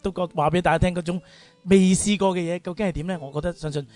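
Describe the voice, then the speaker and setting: A man with a Hong Kong Cantonese accent hosts a radio interview, chatty and colloquial, asking long-winded questions. His voice is high and a little mellow, fast, with a steady tone.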